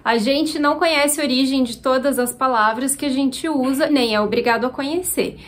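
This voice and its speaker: A woman from Brazil with a Minas Gerais accent, explaining Portuguese grammar clearly as a teacher answering viewer questions. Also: high-pitched, moderate pace.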